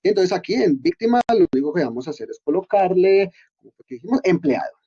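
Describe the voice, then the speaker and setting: A man's voice: high voice, big pitch swings, quick pace, dark tone, husky, highs cut off. A man giving a screen-recorded coding lesson, explaining step by step and often checking in with his students. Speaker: instructor.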